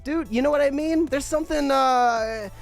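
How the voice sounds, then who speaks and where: A man's voice: very high-pitched, normal speed, gravelly, soft background music. A man co-hosting a comedy podcast, telling rambling stories with mock outrage. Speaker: podcast co-host. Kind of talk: casual comedic banter.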